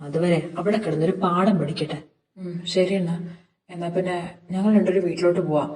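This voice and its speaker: A woman's voice: lowish voice, steady tone, a little fast, dark tone, lightly acted. A woman voicing a scheming young man who plots a cruel prank, speaking in a sly, conspiratorial way. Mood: smug. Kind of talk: fan audio drama acting. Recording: roomy, distant amateur recording.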